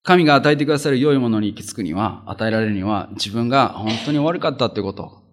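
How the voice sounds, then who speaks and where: A man's voice: medium pitch, expressive. Man preaching in a conversational way. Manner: conversational, repeats phrases for emphasis; slows down for scripture passages. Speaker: pastor. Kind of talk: sermon with scripture reading.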